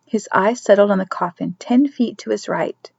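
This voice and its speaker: A woman narrating a chapter of a novel in a steady storytelling manner, dropping to soft whispers for a character's thoughts. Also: medium pitch, moderate pace, gravelly, no room sound. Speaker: audiobook reader. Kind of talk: scripted narration. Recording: dry, dull lo-fi recording.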